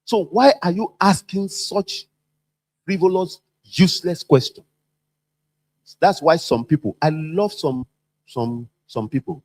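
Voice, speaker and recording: A man's voice: a little high, takes it slowly, long pauses. A man giving a workplace training talk, repeating himself and acting out the people he quotes. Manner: animated, repetitive, acts out quoted voices.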